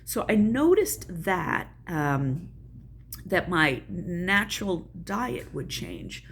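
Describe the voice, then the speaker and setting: An older Southern US woman chats about herself on her video channel, casual and folksy, with plenty of self-mocking asides. She talks slowly in a fairly low voice with vocal fry and big swings in pitch, and a little hiss or hum is audible.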